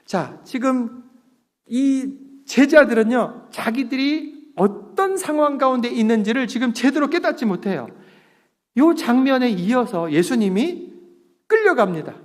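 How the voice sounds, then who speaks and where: A man's voice: very high-pitched, lively intonation, a little slow. A middle-aged man preaching a sermon as pastor, earnest and emphatic, drawing the congregation into call-and-response. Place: church sanctuary. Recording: long reverb of a church sanctuary.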